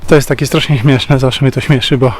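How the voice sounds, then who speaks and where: A man's voice: medium pitch, fairly even intonation, brisk, soft background music. A man talking casually in a travel vlog, chatty and explanatory, recorded outdoors at a campsite. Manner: chatty and explanatory, with thinking-aloud fillers. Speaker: travel vlogger.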